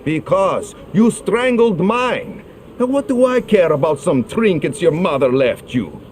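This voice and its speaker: A sullen peasant neighbor. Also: male voice, high-pitched, lively intonation, measured pace, a little mellow, slight background noise. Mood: resentful. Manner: sullen, dismissive. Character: resentful peasant neighbor, quarrelsome man.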